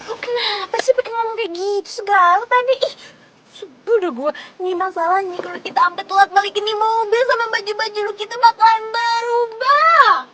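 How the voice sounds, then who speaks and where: A woman's voice: extremely high pitch, brisk, hardly any pauses, pushed and bright, a little hiss or hum. A woman playing a bossy, whiny, money-hungry schemer with a Jakarta accent in a TV comedy-drama. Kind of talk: scripted TV comedy-drama acting.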